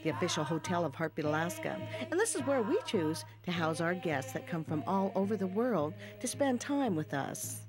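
A middle-aged woman hosting a television news show, speaking in a lively broadcast style with a lapel mic in a studio. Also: fairly low pitch, normal speed, hardly any pauses, over music. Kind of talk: broadcast presenting.

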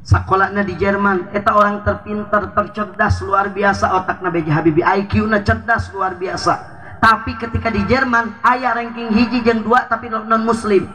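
A man's voice: high voice, steady tone, normal speed, pushed and bright, poor audio. A man with a Sundanese accent giving a humorous sermon at an outdoor village gathering, joking and asking the crowd questions. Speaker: preacher.

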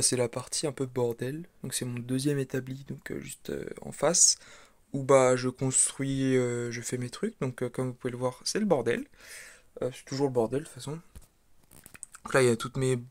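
A man giving a relaxed, hesitant walkthrough of his model build, with many fillers and restarts, filming on a handheld camera. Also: medium pitch, moderate pace, gravelly. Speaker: video creator presenting his model build. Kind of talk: casual walkthrough commentary.

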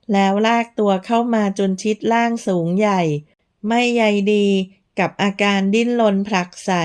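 Woman reading a novel slowly. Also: medium pitch, darkish tone, smooth. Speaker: audiobook narrator. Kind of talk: scripted narration of a romance novel.

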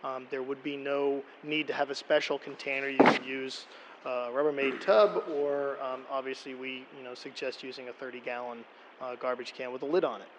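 A man's voice: mid-range voice, fairly even intonation, normal speed, noisy background. A middle-aged man presenting to a borough council in a meeting room, explaining plainly with frequent ums and restarts, speaking at a podium microphone.

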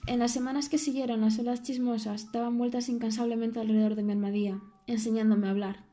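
A woman reading an audiobook, in a measured storytelling manner. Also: fairly high pitch, level tone, dark tone, faint music behind. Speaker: audiobook narrator. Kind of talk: scripted audiobook narration.

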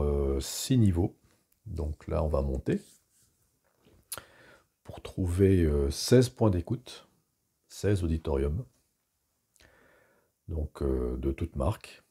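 A man with a very low, husky and very dark voice leads a walking tour of a multi-floor hi-fi store. He narrates in a relaxed way with occasional fillers. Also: takes it slowly, long pauses. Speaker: guide giving a shop tour.

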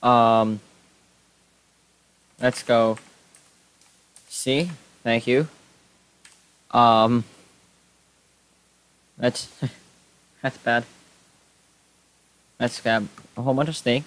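A young man giving casual gameplay commentary, excitable, yelping when things go wrong. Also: medium pitch, drawn-out words, pauses often. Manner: excitable, yelps and shouts when startled. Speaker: Minecraft YouTuber.

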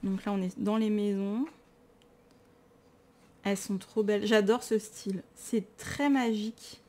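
A woman's voice: mid-range voice, steady tone, a little slow, a little mellow. French woman vlogging, tired but gushing, chatty and self-mocking. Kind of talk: casual chat, showing books.

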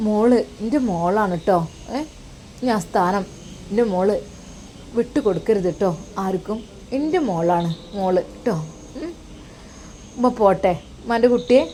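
A tender old mother with a lilt, as a woman storyteller puts her on, talking softly and kindly like a storybook elder. Her voice sits a little higher than usual for a woman, with a soothing, motherly manner. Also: lively intonation, moderate pace, a little hiss or hum, natural voice. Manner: gentle, soothing, motherly advice.

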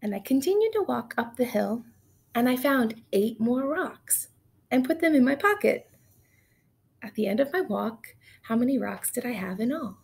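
With a slightly high, creaky, darkish voice, a woman in her thirties speaks animatedly at normal speed. She's teaching an online class over a video-call webcam in a small room, cheerfully counting beats and reading a picture book aloud.

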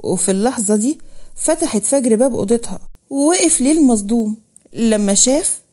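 Mellow-voiced Egyptian woman storyteller. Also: on the high side, brisk. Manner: steady, plain storytelling. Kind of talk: scripted story narration.

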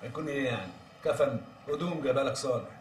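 A man's voice: mid-range voice, rapid-fire, echoey room, a little hiss or hum, close to an everyday voice. An actor playing a grumbling, teasing Egyptian man in a TV drama. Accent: Egyptian Arabic. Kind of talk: TV drama acting.

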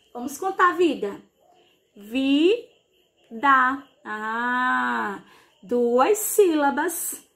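A Brazilian woman teaching young children over a televised lesson, talking slowly and kindly, with lots of diminutives and check-in questions. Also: high-pitched, a bit bright. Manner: slow, sing-song teacher talk with diminutives. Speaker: primary school teacher. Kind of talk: televised remote class for children.

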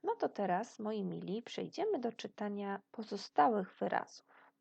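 A Polish woman teacher giving a video lesson to young children, slow and patient, praising their answers as if they were present. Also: medium pitch, big pitch swings, vocal fry, a little mellow, slightly rough. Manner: praises pupils' imagined answers. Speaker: primary school teacher.

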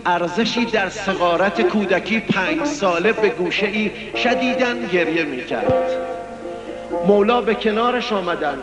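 High, fervent male reciter over music. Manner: fervent, declamatory, pleading. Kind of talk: emotional poetry recitation and storytelling. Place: live religious gathering.

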